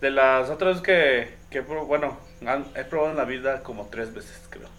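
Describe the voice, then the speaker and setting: A man's voice: medium pitch, normal speed, fairly bright tone, a little hiss or hum. A man with a Mexican accent, co-hosting a podcast and telling stories in a slangy, laughing way. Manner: slangy, laughs often, acts out quotes. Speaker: podcast co-host. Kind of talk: casual chat, storytelling.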